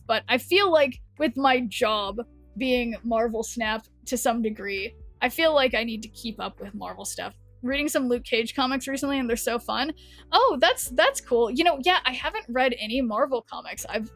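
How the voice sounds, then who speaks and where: Chatty woman streamer, slightly high voice. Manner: chatty, rambling, reads chat aloud. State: losing her voice. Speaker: game streamer. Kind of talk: casual live-stream chat.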